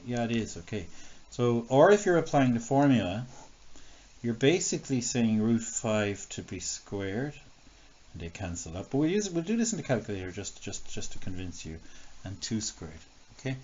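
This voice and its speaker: A man talks through a maths lesson at his computer, pausing on fillers and correcting himself mid-sentence. His voice sits fairly low. The recording is dull and lo-fi, with a faint hiss behind it. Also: a little mellow. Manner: thinks aloud, many fillers and self-corrections. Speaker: maths teacher. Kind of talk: recorded classroom lesson, working examples on screen.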